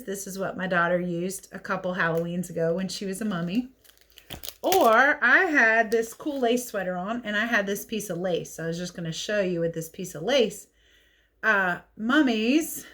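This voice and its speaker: A medium-pitched woman reads a picture book aloud to children the way a teacher would. She is expressive and chatty, dropping in casual explanatory asides.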